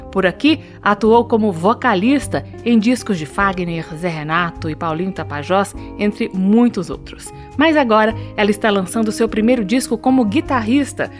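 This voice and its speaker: A woman hosts a radio arts show, delivering smooth scripted introductions and well-formed questions to her guest. Faint music sits low beneath her voice. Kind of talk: radio interview.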